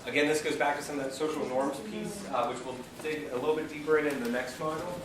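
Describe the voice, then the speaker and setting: Man, peer education trainer, energetic lecture, questions the group, very echoey training room, noisy background. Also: a little high, quick pace. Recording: echoey room, mic far off, background noise.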